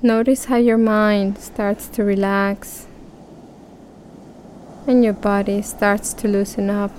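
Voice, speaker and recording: A woman guiding a relaxation breathing exercise, speaking calmly and counting breaths aloud with long pauses. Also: mid-range voice, slight background noise. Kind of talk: guided relaxation script.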